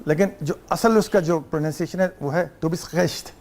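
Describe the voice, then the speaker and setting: A man with a Pakistani Urdu accent, a guest on a talk show, telling stories in an animated way and sometimes mimicking Arabic phrases. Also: fairly high pitch. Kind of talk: casual talk show conversation.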